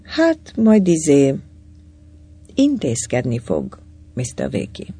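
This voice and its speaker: A narrator voicing a slow, indifferent aristocratic count in an audiobook. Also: male voice, medium pitch, huge pitch swings, mellow, husky. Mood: languid. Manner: slow and languid.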